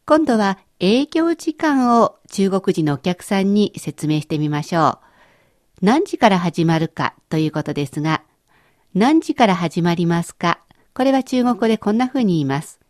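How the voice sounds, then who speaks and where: A woman teaching a language lesson in a clear, encouraging way, explaining step by step. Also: mid-range voice, lively intonation, normal speed, a little mellow, no room sound, clean studio sound.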